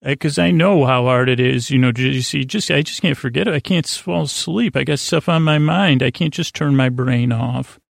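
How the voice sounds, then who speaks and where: A male sleep-podcast host delivers a rambling bedtime monologue meant to lull listeners to sleep, his mid-pitched voice creaky and gravelly. He meanders, halts, stumbles over words, and drifts into tangents, and the sound is very dry with no echo.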